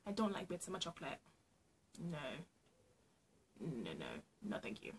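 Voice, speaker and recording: With a voice on the low side and big pitch swings, this young Trinidadian vlogger talks at a normal speed over slight background noise. Speaking with a Trinidadian accent, she laughs often while playfully answering get-to-know-me questions in a small room at home.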